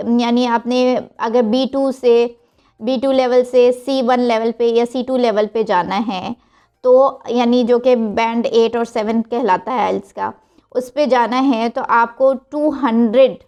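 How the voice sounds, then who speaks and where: Female exam tutor, Pakistani accent, unhurried delivery, light music bed. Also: a little high, darkish tone. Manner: mixes Hindi-Urdu with English phrases, many fillers. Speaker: IELTS tutor. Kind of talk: teaching to camera.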